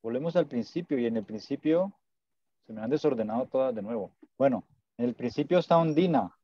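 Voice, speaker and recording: Man teaching spanish online, patient, encouraging, mellow voice, dull dry call audio. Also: mid-range voice, expressive, fairly quick, dry recording. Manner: patient, encouraging, repeats words to drill.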